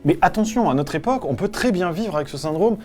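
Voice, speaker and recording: A man playing a solemn, awkward doctor who gives grave news in a deadpan, hesitant comedy-sketch delivery. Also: sits high, fast, faint music behind. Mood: reassuring, mock-grave.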